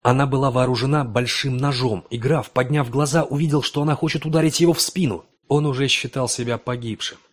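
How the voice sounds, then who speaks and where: Male narrator, husky timbre, measured dramatic horror reading. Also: mid-range voice, steady tone. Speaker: audiobook narrator.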